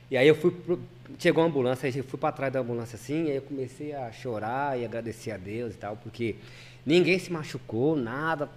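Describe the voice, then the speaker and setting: A man speaks as a podcast guest, rattling off his story at a quick clip. His voice sits in an ordinary middle pitch, and he talks earnestly, stumbling and restarting as he goes. He comes across as a lay preacher chatting casually. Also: a little mellow. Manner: earnest, fast, with many repeats and restarts.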